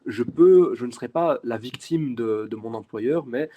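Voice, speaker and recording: A man's voice: medium pitch, normal speed, warm tone. A 21-year-old man with a Belgian French accent, answering interview questions earnestly as a guest, with many fillers and restarts. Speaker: guest, youth party section president.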